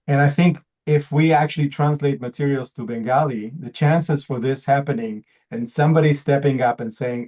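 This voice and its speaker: In an earnest pitch presentation to an audience, a man whose native language is Hebrew frequently repeats words while searching for how to phrase things. His voice is mid-range and mellow.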